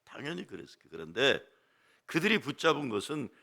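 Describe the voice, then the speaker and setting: An older man preaching a Sunday sermon as pastor, prodding the congregation with rhetorical questions in a lively preaching cadence. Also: medium pitch, fast, gravelly.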